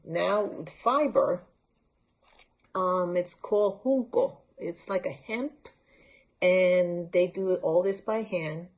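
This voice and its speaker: A woman's voice: sits low, gravelly, a little mellow. A woman from Honduras, presenting handmade crafts in a casual, unscripted show-and-tell talk and holding pieces up to the camera. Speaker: library art talk presenter.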